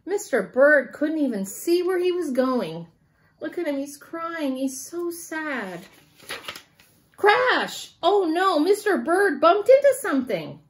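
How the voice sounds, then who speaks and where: A woman with a high, bright voice reads a children's picture book aloud. She is animated and sing-song, often pausing to quiz her young listener. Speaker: storyteller for children.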